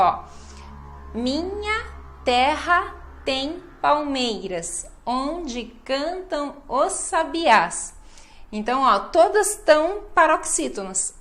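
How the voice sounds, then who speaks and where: Brazilian woman teaching stress, higher-pitched. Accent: Brazilian Portuguese. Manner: demonstrative, repeats words with exaggerated stress. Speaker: Portuguese teacher. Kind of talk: language lesson.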